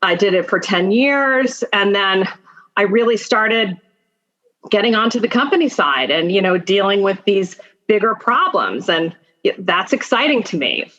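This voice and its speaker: A middle-aged woman, an attorney and mentor, appears as a podcast guest, offering career advice and personal stories directly to the listener in an emphatic, encouraging way. Her voice is medium in pitch and slightly bright, and the recording's highs are cut off.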